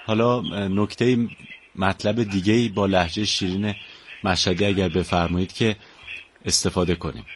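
A man's voice: low-pitched, steady tone, a little hiss or hum. A man hosting a radio interview who speaks with formal politeness. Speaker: radio host.

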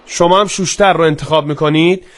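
A man hosting a live broadcast quiz, talking briskly with a pace that swings from slow and careful to quick, with frequent drawn-out fillers. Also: fairly high pitch, steady tone. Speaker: quiz show host.

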